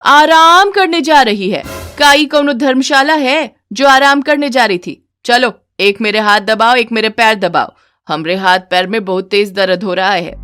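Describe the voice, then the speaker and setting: A harsh, bossy mother-in-law scolds in a high, shrill, rustic voice, as a woman acts her out. Slow, loud, biting delivery, with faint music playing under the cartoon. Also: smooth. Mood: scolding. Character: harsh cruel middle-aged mother-in-law. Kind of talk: cartoon voice acting.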